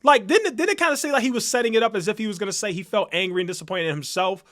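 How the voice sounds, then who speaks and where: High, scolding man ranting in reaction. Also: expressive, rapid-fire. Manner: angry, scolding, escalating to shouting. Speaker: reaction commentator.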